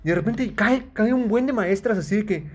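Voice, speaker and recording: A man's voice: high-pitched, fairly quick, husky. A young man with a Mexican accent, chatting casually with slangy banter. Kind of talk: casual chat.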